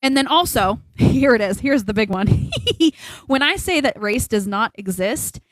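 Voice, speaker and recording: A young woman co-hosting a casual podcast, her voice sitting a little high. She rambles through her opinions and leans hard on her points. The sound is dry and close, with no room echo. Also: animated, a little slow. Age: young adult. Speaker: podcast co-host. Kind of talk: casual chat.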